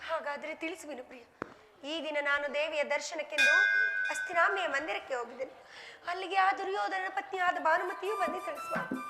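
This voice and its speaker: A woman's voice: very high-pitched, brisk. A woman playing the wronged queen Draupadi, bitter and defiant, declaiming emphatic, plaintive stage dialogue in a village mythological play. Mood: recounting. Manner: emphatic, plaintive theatrical delivery. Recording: live stage recording with very loud music.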